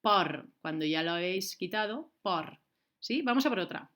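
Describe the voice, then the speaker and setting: A young adult woman with a Valencian accent, teaching a remote lesson to young children in a clear, encouraging way. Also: lowish voice, lively intonation, a bit bright. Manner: slow, clear, encouraging, speaks to kids and switches between Valencian and Spanish. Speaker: primary school teacher.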